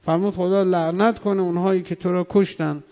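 A man's voice: sits high, fairly even intonation. A man preaching a mourning sermon, telling the story with impassioned, swelling delivery in a reverberant hall. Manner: impassioned, swelling to loud drawn-out chanting.

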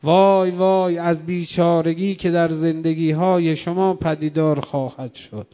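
A preacher voicing a frail, grieving old man who cries out slow, drawn-out curses, heard in a reverberant hall. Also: fairly high pitch, fairly even intonation, warm tone, natural voice. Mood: lamenting. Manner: slow, drawn-out wailing lament.

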